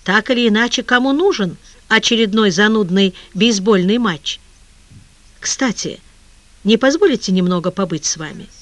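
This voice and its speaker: An audiobook reader voicing a charming male sports editor who speaks softly and coaxingly. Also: mid-range voice, normal speed, no echo, close to an everyday voice. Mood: gentle. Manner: soft-spoken and coaxing. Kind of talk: audiobook character reading.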